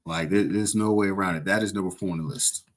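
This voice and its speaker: A man's voice: deep voice, steady tone, fast. A young man casually chatting on a livestream, rambling and joking as he corrects himself mid-sentence. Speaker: livestream host.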